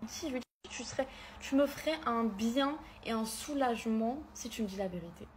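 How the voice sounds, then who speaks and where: A young woman speaks straight to her viewers in a storytime vlog. Her voice sits a little high and she sounds hurt and angry. Faint noise hums under the recording. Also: moderate pace. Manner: emotional, hurt and angry, addressing viewers as girls. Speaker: content creator.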